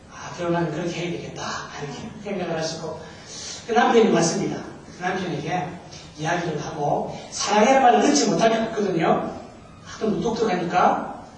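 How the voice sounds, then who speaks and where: A man's voice: high-pitched, darkish tone, a little hiss or hum. A man preaching a humorous sermon as a pastor, joking and leading the congregation in call-and-response. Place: church sanctuary. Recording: far-off mic, very echoey hall.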